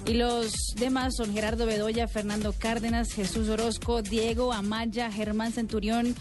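Woman with a rather high voice. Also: flat delivery, normal speed, music in the background. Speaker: sports radio panelist. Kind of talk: reading out sports news.

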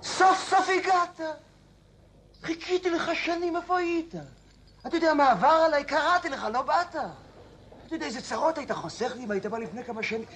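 A man's voice: very high voice, lively intonation, hardly any pauses, a little hiss or hum. A man playing a chatty old man in a comedy sketch, grumbling and drifting off into nostalgic tangents. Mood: rambling nostalgic. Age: older.

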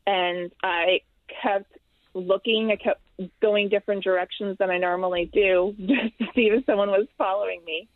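A woman telling her story as a guest, halting and repeating herself, with nervous little laughs between the hard parts. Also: medium pitch, steady tone, no echo. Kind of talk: emotional personal account. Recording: tinny, dry phone-like sound.

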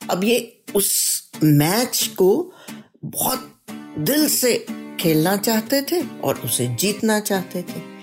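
A woman's voice: medium pitch, sing-song, very slow. A woman telling a children's story in a chatty way, often asking the listener questions. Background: soft guitar music.

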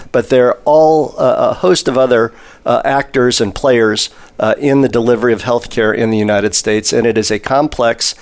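A male panelist speaking for the industry gives long, winding answers. His voice sits in a middle pitch range. He pauses often with fillers as he works through his points. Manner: discursive, thinking aloud with many pauses. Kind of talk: panel interview.

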